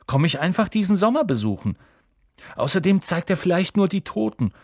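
Eager, boastful schoolboy wizard, a man doing him, husky and raised in pitch, storybook reading. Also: fairly quick, dry recording, studio quality. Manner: excited, whiny.

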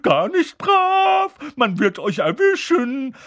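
Ein Mann spricht einen schrillen, schelmischen männlichen Poltergeist mit nerviger Singsangstimme. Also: male voice, very high voice, big pitch swings, slow, a bit bright, no room sound, voice pushed up, exaggerated voice. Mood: taunting. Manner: sing-song, taunting. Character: shrill cackling mischievous male poltergeist.

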